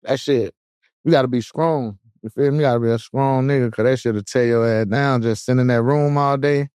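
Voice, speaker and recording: A man's voice: mid-range voice, fairly even intonation, fairly quick, darkish tone, smooth, dry recording, clean studio sound. A man in his thirties from Atlanta, a guest rapper on a podcast, talking candidly and easygoing in casual chat. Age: 30s. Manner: laid-back, candid, peppered with "you feel me".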